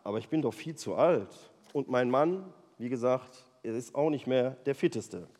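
A man puts on an old woman, wry and doubtful about her age. The voice swoops up and down with lively pitch. A long hall reverb hangs behind it. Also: normal speed, close to an everyday voice. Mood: doubting.

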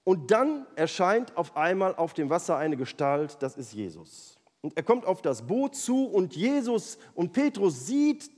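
A man in a lively, animated style, retelling Bible stories to a group as its leader. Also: high voice. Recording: long hall reverb.

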